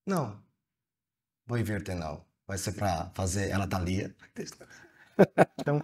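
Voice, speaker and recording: A man's voice: low voice, unhurried, darkish tone, husky. A man hosting a podcast live in a theatre, chatting with guests in a casual, encouraging way. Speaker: podcast host. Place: theatre stage with live audience.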